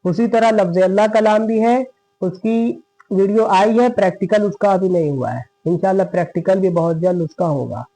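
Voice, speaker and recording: A man teaching Quran reading in an online lesson, patiently asking and answering his own questions and slowly drawing out the verses he recites. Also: high voice, warm tone, rough recording. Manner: slow drawn-out chanting of verses.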